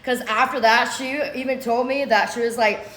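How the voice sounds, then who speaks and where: A woman's voice: fairly high pitch, fairly even intonation, normal speed, a bit bright. A woman vlogger casually retelling a story in a mocking, scornful way, with many restarts and filler words. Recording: roomy echo.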